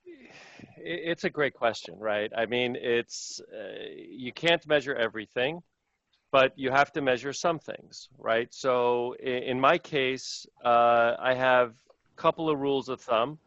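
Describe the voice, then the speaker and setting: Brief: male panelist, mid pitch, conversational and thinking aloud, dull, dry video-call audio. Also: unhurried, a bit bright, dry recording. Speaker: panelist, manufacturing business owner. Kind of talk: answering questions in a webinar.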